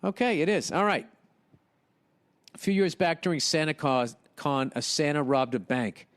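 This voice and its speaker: A middle-aged man, hosting a podcast, reading listener emails and riffing on them with profane, animated comedy. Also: on the high side, unhurried.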